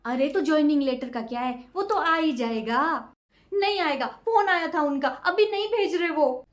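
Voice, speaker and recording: A woman's voice: sits high, moderate pace, close to an everyday voice. A young woman playing a newly hired daughter who pleads and protests in a comic family sketch. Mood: exasperated. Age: young adult.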